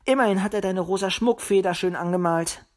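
A woman's voice: mid-range voice, fairly quick, darkish tone, close to an everyday voice. A woman voicing a jolly, teasing male forest creature in a storybook reading. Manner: teasing, good-humoured.

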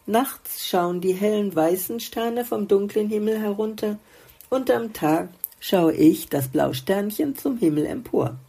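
A kindly little blue flower from a storybook, speaking patiently and explaining things with gentle wisdom, as a woman puts her on. The voice sits higher than the teller's own and keeps a husky, slow, unhurried flow.

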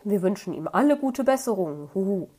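A wise old owl hoots and speaks knowingly in a bedtime story, as a woman puts him on. He sounds calm and amused. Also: medium pitch, a little fast. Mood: kindly. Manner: knowing, hooting.

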